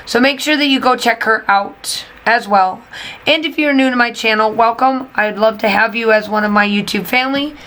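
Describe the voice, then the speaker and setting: On a voiceover mic, a scrapbooking channel host who also teaches chats and vents casually, repeating things emphatically even as her voice gives out. She sounds on the high side and fairly bright, keeping a moderate pace.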